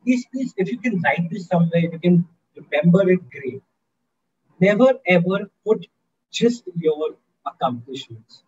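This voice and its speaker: A man's voice: sits high, expressive, a little slow, a little mellow, breathy edge, lo-fi sound. A man giving an interactive online lecture to students, upbeat and coaxing, often asking the audience questions. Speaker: guest speaker in a student workshop.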